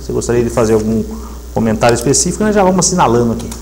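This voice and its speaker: A man's voice: mid-range voice, racing, a little hiss or hum, low-quality recording. A middle-aged man hosting a sports show, chatting and reading match results steadily. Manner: steady, reads lists of results. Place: TV studio set. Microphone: lapel mic.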